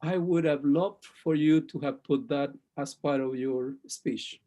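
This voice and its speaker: A male teacher giving feedback on a student's speech over a video call, halting, with many restarts, and checking in with "okay?". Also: fairly high pitch, warm tone. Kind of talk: classroom feedback.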